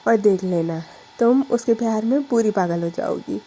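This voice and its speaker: A woman's voice: mid-range voice, moderate pace, warm tone, a little hiss or hum, natural voice. A woman doing a bossy, scolding grandmother. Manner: scolding, teasing. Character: bossy affectionate elderly grandmother.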